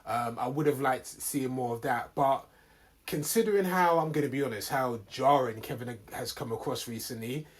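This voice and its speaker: A man's voice: medium pitch, moderate pace. A man with an urban London roadman accent co-hosting a casual film review, talking in street slang. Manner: slangy, with bruv and man dem. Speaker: podcast co-host reviewing films.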